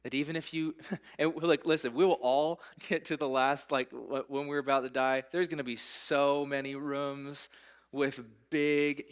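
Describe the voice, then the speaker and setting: A man giving a casual, conversational sermon as a pastor in a church, his delivery swinging from hushed to urgent. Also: medium pitch, clear, resonant tone.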